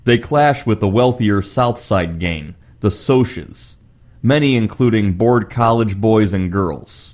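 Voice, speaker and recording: A man's voice: fairly low pitch, slow pace, darkish tone. Man narrating a scripted film review.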